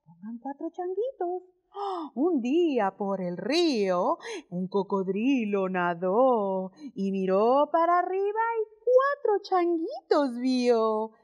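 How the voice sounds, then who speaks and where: A woman in her thirties presenting storytime to young children like a kids show host, with sing-song, animated delivery. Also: fairly high pitch, measured pace, lo-fi sound. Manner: animated, addressing children with questions and counting. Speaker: children's librarian leading storytime. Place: indoor room, seated beside a felt board.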